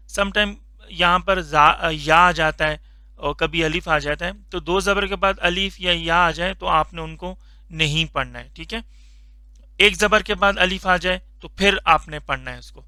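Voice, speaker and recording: A man teaching a Quran reading lesson, slowly drawing out each letter sound for learners to repeat, patient and instructive. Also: high voice, sharp tone, clean tone, no room sound. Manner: slow drawn-out recitation of letter sounds for repetition. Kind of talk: Noorani Qaida tajweed lesson.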